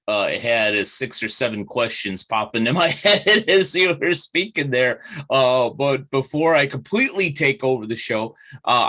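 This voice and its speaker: A man's voice: medium pitch, pushed and bright. A man hosting a Q&A show, talking in a friendly, conversational way. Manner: friendly, conversational, a few fillers. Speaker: show host and producer.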